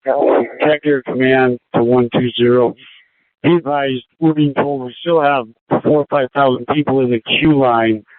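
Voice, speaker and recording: A man working as air command dispatcher, giving calm, procedural instructions over a two-way radio. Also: medium pitch, measured pace, no room sound. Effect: heard over a two-way radio. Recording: tinny dry radio transmission.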